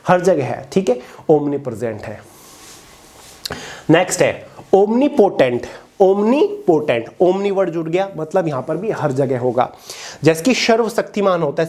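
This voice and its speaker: Teaching exam words in an online class, a man with a fairly high, darkish voice explains each term and slowly reads its English definition aloud. He treats his listeners as friends, checking in with them often.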